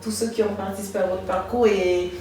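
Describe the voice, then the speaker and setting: A woman with a Cameroonian accent hosts the interview in a chatty style and laughs easily. She is well off the mic, and the room echoes strongly around her. Her pitch sits in an ordinary middle range. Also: fairly even intonation, brisk, mellow, recorded from a distance. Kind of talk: casual interview talk.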